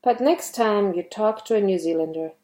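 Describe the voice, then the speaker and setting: A woman giving a scripted educational explanation, speaking in a clear, measured way and acting out example sentences. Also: mid-range voice, warm tone, reverberant. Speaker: linguistics explainer.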